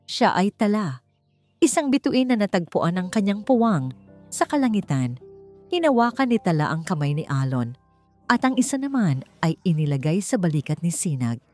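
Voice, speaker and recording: Over background music, a woman with a Filipino accent narrates a scripted romance story with plenty of drama. Her voice is on the low side with a darkish tone, very animated, at a moderate pace.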